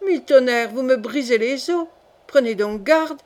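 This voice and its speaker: A woman's voice: on the high side, moderate pace, a little mellow, natural voice. A woman voicing a proud male nobleman under torture, mocking and crying out in turn. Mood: pained. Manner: mocking, then crying out in pain.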